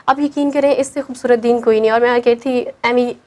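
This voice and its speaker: Young woman guest, bright high voice, earnest and emphatic storyteller. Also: fairly even intonation. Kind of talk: personal conversion story.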